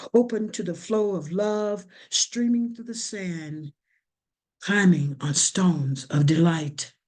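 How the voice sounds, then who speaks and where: A woman poet reciting her spoken word pieces slowly and deliberately over a video call. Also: mid-range voice, darkish tone. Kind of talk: spoken word poetry reading.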